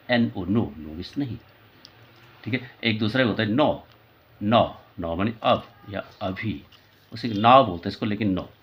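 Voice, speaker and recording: A man's voice: on the low side, dull audio, slight background noise. A man teaching English vocabulary, mixing Hindi and English, spelling words out letter by letter and often correcting himself. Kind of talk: classroom lesson in Hindi and English.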